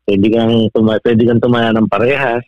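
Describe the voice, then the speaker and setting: A man's voice: mid-range voice, steady tone, moderate pace, no room sound. A man on a podcast telling a long personal story in casual chat, laughing often and restarting his sentences. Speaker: podcast co-host. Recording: dull, dry sound with faint music.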